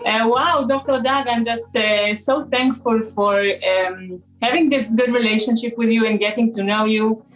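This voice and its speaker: A woman in her forties from Israel with an Israeli accent, a raw food consultant talking as a guest in a casual interview, pausing often with uh and um. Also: fairly high pitch, faint music behind, rough recording. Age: 40s. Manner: hesitant, many uh and um fillers.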